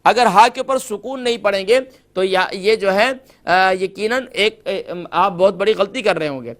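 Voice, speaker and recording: A man with a Pakistani Urdu accent teaching tajweed, slowly modelling each word before explaining the pronunciation rules. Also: high voice, fairly bright tone. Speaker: Quran recitation teacher.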